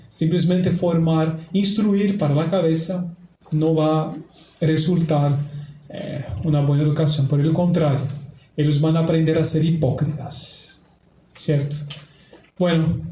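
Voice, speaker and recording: A man's voice: fairly high pitch, mellow. A man speaking as a priest in religious talk and prayer, in a didactic way with repeated phrases, in an echoey, cathedral-like room. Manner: didactic, repeats phrases for emphasis, tag questions. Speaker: priest giving a family workshop. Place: large reverberant indoor room. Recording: echoey cathedral-like room, faint background noise.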